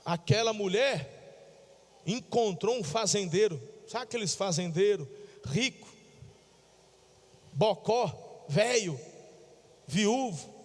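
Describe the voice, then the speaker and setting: Brief: Brazilian pastor, very high voice, chatty sermon, echoing church. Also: male voice, expressive, takes it slowly, pauses often. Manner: colloquial, jokey, addresses congregation directly. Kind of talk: sermon with storytelling. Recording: long church hall reverb.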